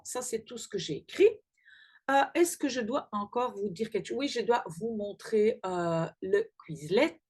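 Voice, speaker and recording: A woman teacher explaining a language lesson in a chatty way, with many pauses and fillers. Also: medium pitch, husky. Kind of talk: casual language lesson video.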